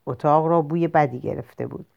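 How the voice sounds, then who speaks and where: A woman narrating a short story in a measured, expressive audiobook reading. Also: low-pitched, vocal fry. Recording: lo-fi muffled recording.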